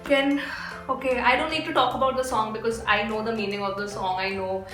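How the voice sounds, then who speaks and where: Young Indian woman, Indian accent, gushing reaction host, bright high voice, echoey room at home. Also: brisk, faint music behind. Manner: excitable, gushing, exclaims a lot. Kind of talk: reaction commentary.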